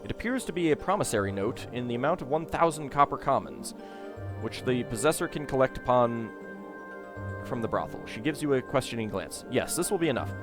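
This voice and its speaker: A man narrates a video game playthrough with a very lively, swinging intonation. He reads story text aloud and comments casually over clearly audible music. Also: mid-range voice, brisk. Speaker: let's play host.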